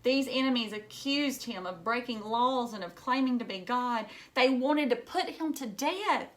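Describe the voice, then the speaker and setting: With a fairly high, expressive voice and a measured pace, a woman narrates a children's storybook much as a teacher would. She pauses to explain things simply and tosses in conversational remarks for the young listeners.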